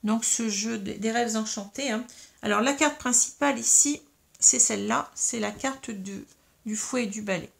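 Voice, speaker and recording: A woman giving a tarot reading to her viewers, explaining each card slowly with many fillers and tags, with a slight frog in her throat. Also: fairly high pitch, vocal fry. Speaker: tarot reader.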